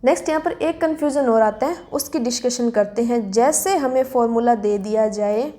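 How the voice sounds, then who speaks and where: A woman teaching a chemistry lesson. She poses questions and answers them herself, and she slows down to spell out formulas letter by letter. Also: fairly high pitch, warm tone. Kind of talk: classroom lesson explanation.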